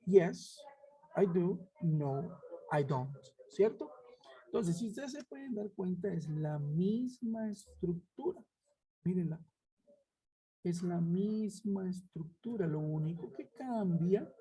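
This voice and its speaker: Woman, online English teacher, explains step by step, checks in with students, lowish voice. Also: dark tone, rough recording. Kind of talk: online class lecture. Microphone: web conference headset or laptop mic.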